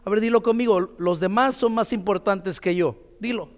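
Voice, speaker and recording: A man preaching in a church with a fairly high voice. He talks in a loose, conversational way, tossing in tag questions and fillers as he goes. The sound carries a long reverb from the church hall. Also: normal speed. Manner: tells a story with many "dice" quotes. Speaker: pastor. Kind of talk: sermon.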